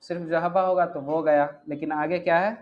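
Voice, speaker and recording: A man's voice: fairly high pitch, fairly even intonation, fairly quick. A man teaching a grammar class, explaining step by step and often quizzing his students. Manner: asks the class questions, repeats "ठीक है". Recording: dull lo-fi sound, faint noise.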